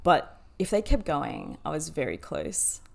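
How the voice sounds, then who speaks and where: A woman's voice: sits low, measured pace, vocal fry. A woman co-hosting a podcast, telling an anecdote in casual chat and acting out what people said. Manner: animated, acts out quotes. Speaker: podcast co-host.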